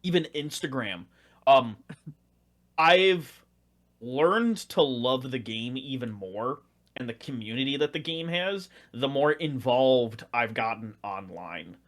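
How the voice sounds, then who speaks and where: A man's voice: medium pitch, animated, slow. A young man chatting as a podcast guest, rambling with many likes and restarts. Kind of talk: casual chat.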